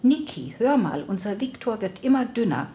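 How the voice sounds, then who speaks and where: A woman's voice: medium pitch, big pitch swings, moderate pace, warm tone, slight background noise, voice pushed up, lightly acted. A woman voicing a worried, fussing elderly mother who talks in a fretful, insistent way, on slightly dull audio.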